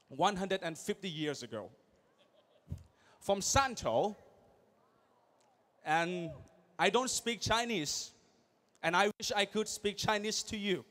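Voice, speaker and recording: A young man from Thailand, giving an energetic motivational speech at a large convention and firing questions at the crowd. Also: high voice. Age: young adult. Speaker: convention speaker.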